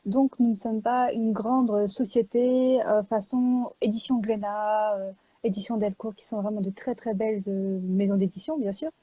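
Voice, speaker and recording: A woman's voice: medium pitch, normal speed, no echo, low-quality recording. Bubbly woman on a dry webcam. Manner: lively and joking, with many fillers. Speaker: publisher and illustrator. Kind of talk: live video chat.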